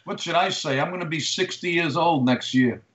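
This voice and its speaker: A man in his late fifties with a New Jersey accent, a guest on a talk show, complaining in animated comic banter. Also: on the high side, moderate pace. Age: 50s. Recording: echoey room on a lo-fi line.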